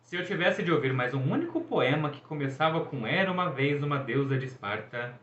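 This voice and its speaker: A man's voice: a little high, lively intonation, brisk, a bit bright. A man voicing a formal, bittersweet young huntress with a dry manner. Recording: echoey, dull room recording.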